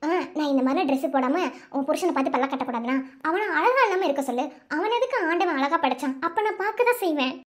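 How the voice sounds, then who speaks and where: A woman voicing a defiant, stylish young woman in a deeper, drawling voice. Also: lively intonation, fast talker, a little hiss or hum.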